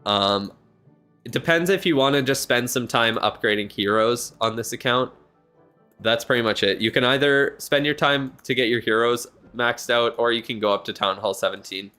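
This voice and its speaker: A man's voice: mid-range voice, normal speed, pushed and bright, clear, resonant tone, faint music behind. A tired man streaming live, giving casual, rambling commentary on a viewer's game account and thinking aloud with lots of fillers. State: yawning, tired.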